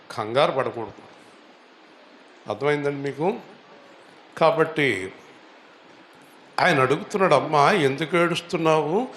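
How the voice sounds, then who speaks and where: A male pastor preaching to his congregation. He asks them questions, has them repeat lines and rises to loud, high exhortation. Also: a little hiss or hum. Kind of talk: Telugu church sermon. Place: church hall. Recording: echoey church hall.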